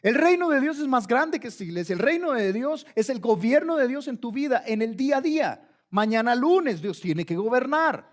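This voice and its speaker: A man's voice: extremely high pitch, lively intonation, moderate pace, hardly any pauses. A man preaching a sermon in a church, addressing listeners directly and driving points home with repeated commands. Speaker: pastor.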